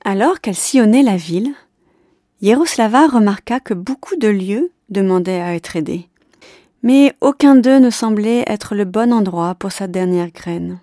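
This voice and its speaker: A woman narrating a children's storybook in a steady, clear reading voice. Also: medium pitch, a little slow, no room sound, clean studio sound.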